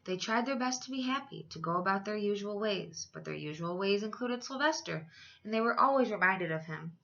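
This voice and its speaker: Lady teacher doing storytime, bright clear-cut tone, dramatic emphasis, recording a little muffled. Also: medium pitch, animated, a little fast. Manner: dramatic emphasis for young listeners. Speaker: teacher reading aloud. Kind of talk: expressive children's storybook narration.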